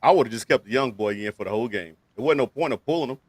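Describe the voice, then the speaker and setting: A man's voice: medium pitch, rapid-fire, breathy edge, no room sound. A man co-hosting a sports talk show, giving colloquial opinions and laughing through them.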